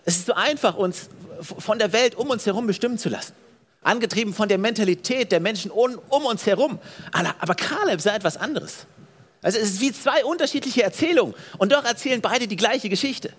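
High-voiced man preaching a sermon. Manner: preaching with rising questions and dropping to soft low endings; repeats words and restarts phrases. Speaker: pastor. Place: church.

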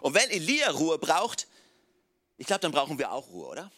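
A man preaching a sermon as pastor, telling stories in a casual, animated way and dropping in English phrases like "come on". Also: fairly high pitch, moderate pace.

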